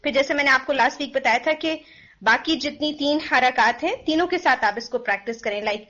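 A woman with a high, bright voice teaches pronunciation, drawing out each sound to demonstrate it. She has a sore throat and keeps clearing it. The recording is dull and lo-fi. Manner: demonstrates sounds by voicing them slowly; mixes English phrases into Hindi-Urdu. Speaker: teacher of Quranic recitation. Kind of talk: pronunciation lesson.

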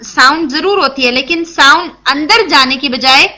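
Bright-voiced woman teaching recitation. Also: sits high. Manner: patient, explanatory, mixes English words into Urdu; checks in with listeners, asks and answers her own questions. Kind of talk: tajweed lesson, explaining and demonstrating.

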